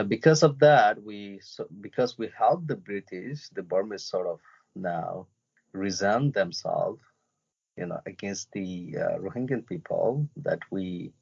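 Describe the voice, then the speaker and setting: A man from Myanmar speaking as an interview guest, in a halting way with many fillers and restarts, on dull lo-fi podcast audio. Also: deep voice, gravelly, slightly rough. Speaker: interview guest, refugee and journalist. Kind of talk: casual interview talk.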